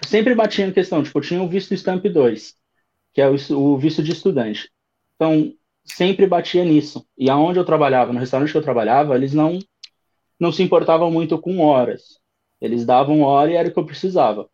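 A man in his thirties with a São Paulo accent, telling his story as an interview guest in a relaxed, rambling way. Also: fairly high pitch, brisk, highs cut off. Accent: São Paulo Brazilian Portuguese. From Brazil. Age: 30s. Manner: relaxed storytelling with many fillers. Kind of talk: casual interview chat.

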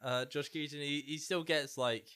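Slightly high-voiced man rambling on a podcast. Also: fairly even intonation, normal speed, bright, forceful tone, smooth. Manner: rambling, hesitant, full of fillers. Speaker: podcast co-host. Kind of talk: casual podcast chat.

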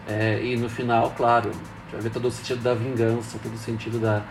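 A man's voice: medium pitch, level tone, fairly quick, music in the background. A man, a priest speaking in a thoughtful, hesitant way with many fillers. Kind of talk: casual reflective talk.

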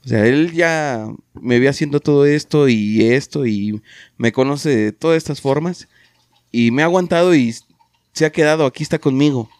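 A man's voice: medium pitch, moderate pace, a little mellow, dry recording, studio quality. A man with a Mexican accent in casual podcast chat, talking reflectively with plenty of slang and acting out quoted dialogue. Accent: Mexican Spanish.

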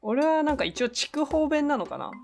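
A man co-hosting a podcast in casual chat, easygoing and quick to laugh, often answering in short replies. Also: extremely high pitch, sing-song, vocal fry, faint music behind. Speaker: podcast co-host.

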